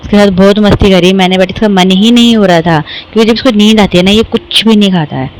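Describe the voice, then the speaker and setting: A woman's voice: mid-range voice, fast talker, slight background noise, rough recording. A young woman narrating her own family vlog in a casual, chatty voice-over, teasing herself as she tells the story. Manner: chatty, self-mocking, animated storytelling. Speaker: vlogger and mother.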